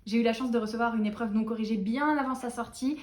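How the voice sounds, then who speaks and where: A young woman talks casually to her viewers, chatty and quick to poke fun at herself. She sounds a little tired, and her voice sits fairly high. The room around her is noticeably echoey. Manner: chatty, self-mocking, animated. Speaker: book vlogger. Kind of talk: casual book chat to camera.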